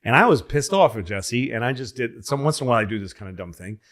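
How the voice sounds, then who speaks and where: A middle-aged man from Massachusetts, co-hosting a podcast in casual chat and telling anecdotes in an animated way, acting out the voices of other people. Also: medium pitch, fast talker. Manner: animated storyteller, acts out voices in his anecdotes. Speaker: podcast co-host.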